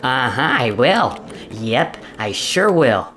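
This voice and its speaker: A man's voice: mid-range voice, very animated, takes it slowly, a bit bright, slight background noise. A man playing a baffled male coworker who stammers awkwardly and humors a colleague. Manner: awkward, stammering, laughing along.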